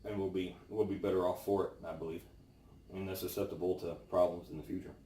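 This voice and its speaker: A man giving an informal devotional, reading scripture and reflecting on it in a pensive, halting way with long pauses. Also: low-pitched, flat delivery, dark tone. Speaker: devotional host. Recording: roomy, distant mic with faint noise.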